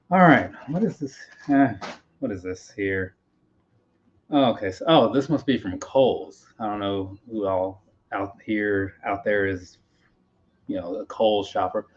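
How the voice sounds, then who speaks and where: Chatty rambling man on a lo-fi stream. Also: medium pitch. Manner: rambling, chatty, talks to himself. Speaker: collector vlogger. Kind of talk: casual live-stream chat. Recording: slightly dull lo-fi audio with faint noise. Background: faint pop punk playlist.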